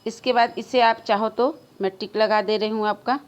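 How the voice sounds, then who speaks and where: A woman's voice: a little high, steady tone, normal speed, muffled recording. A woman teaching a grammar lesson to schoolchildren, repeating key words and asking and answering her own questions. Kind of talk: classroom lesson for children.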